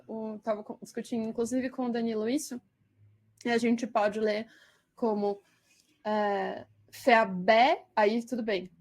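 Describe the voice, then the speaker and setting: Slow, hesitant woman lecturing. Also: on the high side. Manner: slow, hesitant, with many fillers. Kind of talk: poetry lesson with slide commentary.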